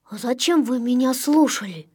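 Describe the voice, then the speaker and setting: A woman's voice: high-pitched, lively intonation, normal speed, darkish tone, breathy edge, no echo, studio quality. A woman reading a storybook aloud, voicing a clever, know-it-all little boy who reasons and lectures. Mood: reproachful.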